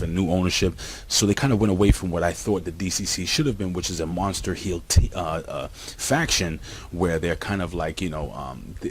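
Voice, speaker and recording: Deep-voiced excitable man reviewing wrestling. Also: husky. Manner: excitable, rambling, talks straight to viewers. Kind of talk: casual video review.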